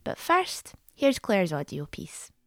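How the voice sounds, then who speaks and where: A woman's voice: mid-range voice, big pitch swings, takes it slowly, a bit bright, no echo, faint music behind. A woman hosting a podcast, reading a scripted narration. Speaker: podcast host.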